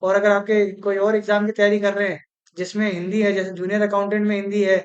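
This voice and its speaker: A teacher giving an exam-prep grammar lesson, slowly repeating words and spelling out their syllables, often mixing English words into Hindi. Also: medium pitch, flat delivery, muffled recording. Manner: slow, repetitive, spells out syllables.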